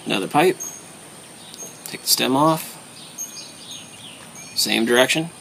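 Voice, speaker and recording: A man with a gravelly, fry-laden voice at an average pitch walks through a task in a casual demonstrating style. His instructions come in short, clipped phrases with gaps between them. The recording has clear background noise and sounds like a simple home video. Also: bright, forceful tone. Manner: terse, short fragmented instructions with pauses. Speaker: host of a pipe hobby video series.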